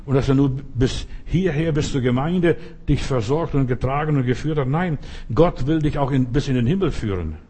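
A man preaching a sermon to his congregation, urging them on with emphatic, exhorting delivery and sudden leaps in pitch. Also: moderate pace, warm tone, husky.

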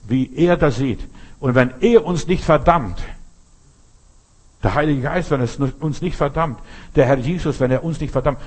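A man's voice: medium pitch, darkish tone, slightly rough. A man preaching a sermon, emphatic and speaking straight to the listener with rhetorical questions.

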